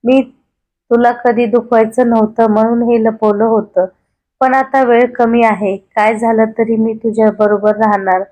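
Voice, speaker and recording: A woman voicing a calm, gravely ill young man who speaks softly and tenderly in a storybook reading. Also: fairly high pitch, natural voice. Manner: soft, slow and tender.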